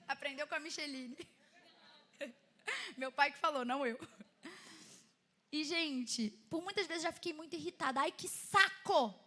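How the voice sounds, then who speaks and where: Young Brazilian woman, 20s, lively church speaker; very bright, sharp tone, chatty sermon delivery. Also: high voice, unhurried, pauses often. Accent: Brazilian Portuguese. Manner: lively and chatty, laughs often between points. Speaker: speaker at a women's church event. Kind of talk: sermon testimony to a live audience.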